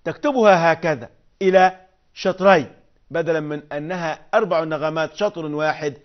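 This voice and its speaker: Man, prosody lecture, patient explaining, slow chanting of verse, muffled lo-fi sound. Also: on the high side. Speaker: Arabic prosody teacher. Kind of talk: lecture on poetic meter.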